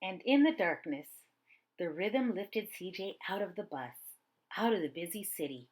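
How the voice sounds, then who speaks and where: This storybook reader brings a children's story to life with an expressive narration. She speaks at normal speed in a medium-pitched voice.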